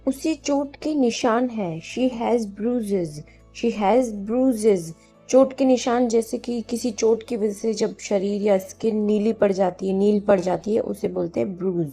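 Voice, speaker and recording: A woman teaching spoken English, who says each Hindi sentence and then repeats its English version twice, carefully and slowly. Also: medium pitch, fairly even intonation, dark tone, faint music behind.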